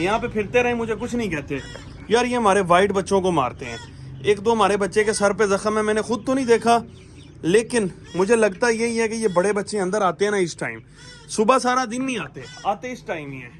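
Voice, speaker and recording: A man talks chattily with a high voice, addressing viewers and now and then his birds. He is recorded outdoors on a camera mic. A faint background noise sits under the voice. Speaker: bird keeper showing his birds. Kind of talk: casual vlog talking to viewers. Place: outdoors at bird pens.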